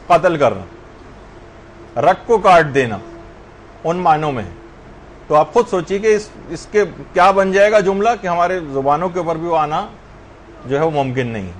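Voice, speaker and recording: A man's voice: sits high, a little hiss or hum. A man giving a religious lecture, explaining recitation mistakes step by step and reciting short Arabic words as examples. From Pakistan. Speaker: religious teacher. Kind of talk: classroom lecture on prayer recitation.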